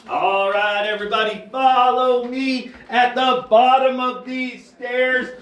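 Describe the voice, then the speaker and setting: A man's voice: very high voice, little pitch movement, slow pace, a bit bright, distant mic. A man leading a group through an underground cave as tour guide, giving friendly directions and safety tips while his voice echoes off the rock. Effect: cave echo. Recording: echoey cave, voice heard from afar.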